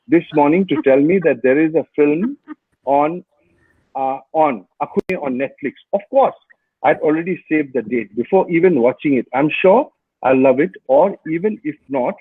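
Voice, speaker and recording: The audio sounds like a phone call as a male host, his voice a little high and slightly rough, goes through viewer comments in a relaxed live interview. He teases, chats, stumbles over fillers and talks a bit loudly, with no room sound.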